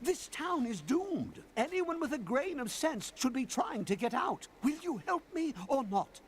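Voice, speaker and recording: Haughty, high-pitched indignant town mayor. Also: male voice, big pitch swings, unhurried, over a noisy crowd, exaggerated voice. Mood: haughty indignation. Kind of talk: video game character acting.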